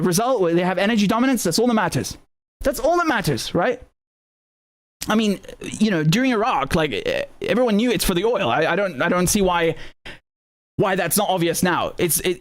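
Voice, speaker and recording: A male streamer talks over current events live, his pitch sitting high. He sounds relaxed yet energetic and mocking, and he repeats himself and swears a lot.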